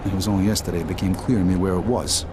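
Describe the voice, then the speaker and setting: A man with a low, steady, natural voice narrates rapidly over a noisy background. He plays the game cutscene's protagonist, a tough, streetwise New mobster telling his story in hard-edged, profane terms. The mood is one of grim recollection.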